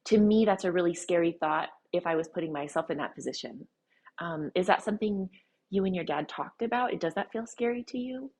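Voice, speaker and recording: A woman hosts an intimate interview in a lowish, husky voice. She speaks conversationally, putting her questions gently and tentatively. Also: lively intonation, brisk. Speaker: interviewer, host.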